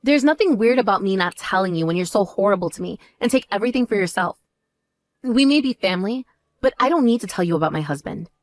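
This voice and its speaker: A woman voices a calm, married older sister in a voiced text story. She is measured and a little patronizing, and her tone still moves a lot. The recording is dry and close. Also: mid-range voice, dry recording, voice pushed down, lightly acted. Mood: firm.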